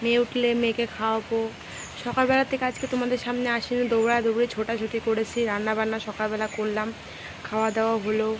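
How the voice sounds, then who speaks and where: Soft-spoken homemaker vlogging. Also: female voice, fairly high pitch, monotone, quick pace, noisy background. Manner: talks softly in a hushed voice; chatty, runs through daily chores. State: hot and sweaty. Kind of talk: casual chatty vlog narration. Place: rented village home, indoors and outdoors.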